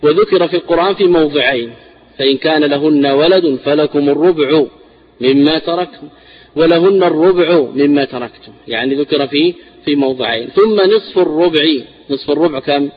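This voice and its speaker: A man teaching a classical text on inheritance shares, explaining slowly and repeating words for emphasis. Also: fairly high pitch, breathy edge. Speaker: teacher of Islamic inheritance law. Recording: dull lo-fi recording.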